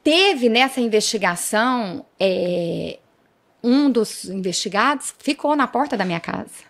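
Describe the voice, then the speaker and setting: A woman's voice: on the high side, animated, a little slow, vocal fry. A woman, a police chief being interviewed, telling her story vividly and often speaking to the audience. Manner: vivid, dramatic retelling, often addresses the audience.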